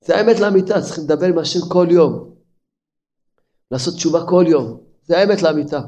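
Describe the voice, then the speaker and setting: Impassioned rabbi, man with a high voice. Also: animated, mellow. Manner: impassioned, with sudden pitch leaps and drops to near murmur. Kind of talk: sermon.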